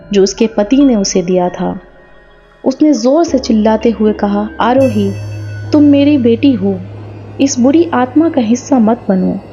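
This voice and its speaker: A woman narrates a horror tale at a slow, measured pace, her voice a little high. The sound is dull and lo-fi, with faint music underneath. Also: mellow. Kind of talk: scripted horror story narration.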